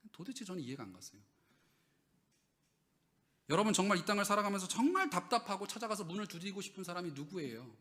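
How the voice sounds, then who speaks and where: A male pastor delivers a Sunday sermon in a church, his voice high and ringing with brightness. He questions the congregation directly, then answers himself, swinging from loud, emphatic declarations to hushed, low-spoken asides.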